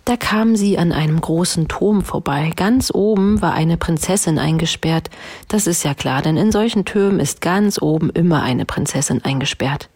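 A woman reading a children's story aloud with a gently wry manner. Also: deep voice, normal speed, breathy edge.

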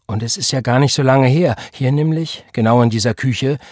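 Man voicing a defiant young woman, cold, taunting, husky, slightly raised pitch, dry close sound. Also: brisk, a little mellow, no room sound, natural voice.

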